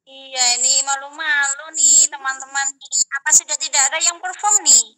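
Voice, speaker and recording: A woman moderating an online class in a friendly, unhurried way, calling on students by name. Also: sits high, steady tone, bright, forceful tone, rough recording.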